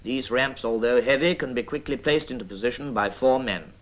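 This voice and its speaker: Narrating a scripted 1950s military training film, a British man speaks in a mid-range voice, instructing in a measured way and slipping in dry asides. It sounds like a dull, vintage soundtrack from that decade.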